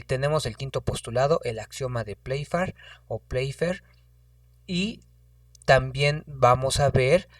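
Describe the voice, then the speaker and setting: Guy teaching geometry, slow and thinking out loud, fixes himself a lot, kinda far from the mic. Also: medium pitch, no echo, clean studio sound. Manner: thinks aloud, restarts and corrects himself. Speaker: math teacher. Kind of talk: whiteboard geometry lecture.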